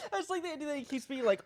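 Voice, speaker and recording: A man co-hosting a comedy podcast, pitching sketch ideas in a playful, laughing way. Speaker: podcast co-host.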